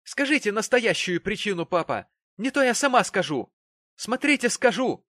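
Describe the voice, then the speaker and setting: A man's voice: lively intonation, brisk, no room sound, lightly acted. A man reading the part of a spiteful young daughter who shrieks and scorns her father in a storybook reading. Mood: shrieking fury. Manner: shrill, shouting, scornful.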